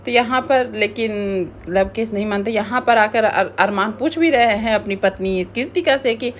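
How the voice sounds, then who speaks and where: A woman's voice: on the high side, normal speed, a little hiss or hum. A woman casually recapping a reality show, retelling events in a chatty way with frequent restarts.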